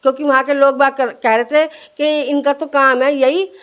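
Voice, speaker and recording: A woman's voice: high voice, steady tone, normal speed, a bit bright. A woman shopkeeper in a news interview, recounting in earnest detail what happened and acting out the quoted exchanges.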